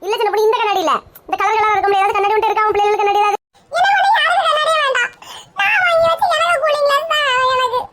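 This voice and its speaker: Shrill touchy village woman, done by a woman. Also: fairly bright tone. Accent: Kanyakumari Tamil. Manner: shrill, nagging, bickering. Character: touchy bald middle-aged village woman, quick to take offence.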